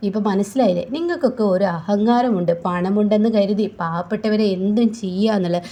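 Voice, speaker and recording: A woman voicing a drunk, furious young village woman who shouts, scolds and wails. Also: medium pitch, fairly quick, lightly acted. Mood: scolding.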